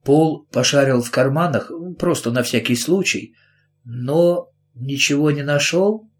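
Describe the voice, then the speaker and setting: A man reading a children's story aloud in an expressive, lively storytelling manner. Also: medium pitch, measured pace. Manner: lively, lifts his voice for children's lines. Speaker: audiobook narrator.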